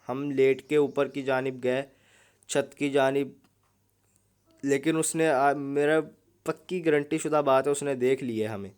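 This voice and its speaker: Over some mobile gameplay, a young man with a clean, medium-pitched voice offers chatty, joking commentary as a gaming YouTuber, with "bhai sahab" coming up constantly.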